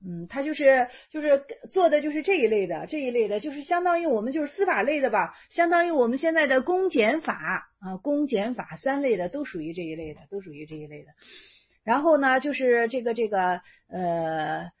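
A woman's voice: a little high, expressive, fairly quick, breathy edge, dull audio. A woman explaining an old Chan koan in a casual lecture, thinking aloud and correcting herself as she goes. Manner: thinking aloud, self-correcting, many fillers.

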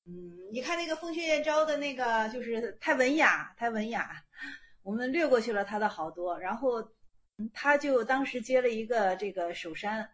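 A woman's voice: a little high, animated, normal speed, fairly bright tone. A woman giving an informal online lecture as a Buddhist meditation teacher, often repeating her phrases and growing emphatic as she explains.

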